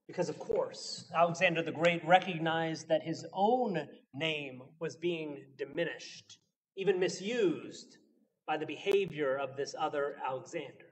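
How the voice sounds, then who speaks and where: A pastor delivers his sermon in an earnest, storytelling way, his voice sitting high for a man. He sounds a little distant from the microphone, as if preaching from the pulpit.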